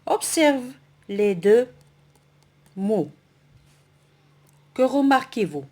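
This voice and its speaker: A woman teaching a French grammar lesson, speaking slowly and deliberately, repeating phrases and asking the viewer questions. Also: on the high side, very animated, darkish tone.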